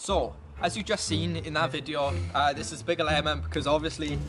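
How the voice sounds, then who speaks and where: Higher-pitched man hosting a challenge vlog. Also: little pitch movement, fairly quick, noisy background. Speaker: challenge video host. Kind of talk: casual vlog talk to viewers. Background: music.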